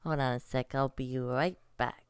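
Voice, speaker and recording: A woman's voice: very deep voice, steady tone, normal speed, smooth, no room sound, clean studio sound. A young woman vlogging at home, rambling casually and hesitantly with many restarts. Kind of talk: casual vlog monologue. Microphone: computer recording.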